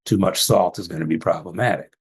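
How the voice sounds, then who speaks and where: An older male physician telling stories in a relaxed interview, laughing often as he talks. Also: low voice, fast talker, breathy edge. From Jamaican family, trained in Atlanta. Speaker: physician guest. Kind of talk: casual interview talk.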